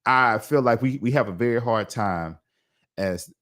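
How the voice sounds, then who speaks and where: A man's voice: mid-range voice, a little slow, a bit bright. A man hosting a podcast interview, talking reflectively and at length, with frequent restarts and asides. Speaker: podcast host. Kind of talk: casual interview chat.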